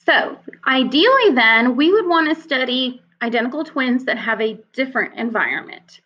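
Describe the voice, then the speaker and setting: A woman with a high voice teaches a lecture, explaining ideas in an easygoing, conversational way with the odd "um" and "uh." The recording sounds somewhat dull and lo-fi. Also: animated, normal speed. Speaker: psychology teacher.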